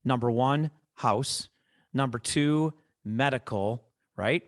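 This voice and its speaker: A man with a Chicago accent hosting a podcast, talking in an animated, opinionated way as he rants about markets. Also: medium pitch, takes it slowly, no room sound, studio quality. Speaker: podcast host. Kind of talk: casual podcast discussion.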